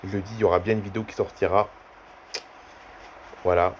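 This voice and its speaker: A man's voice: low-pitched, level tone, brisk, highs cut off, a little hiss or hum. A man in his twenties chatting casually in a vlog, rambling and repeating himself often. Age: 20s. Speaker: YouTuber.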